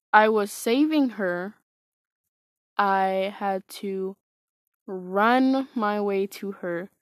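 Slow, hesitant woman telling a story. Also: medium pitch, no room sound, studio quality. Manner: hesitant, many fillers and restarts; wry, self-mocking. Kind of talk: casual personal storytelling.

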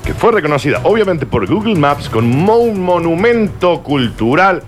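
A man hosting a joking radio news chat, animated, with sudden high squeals. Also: moderate pace, soft background music. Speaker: radio show host.

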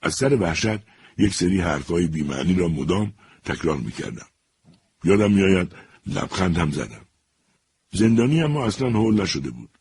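Deep-voiced male audiobook narrator. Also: very animated, darkish tone, a little hiss or hum. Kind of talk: scripted narration.

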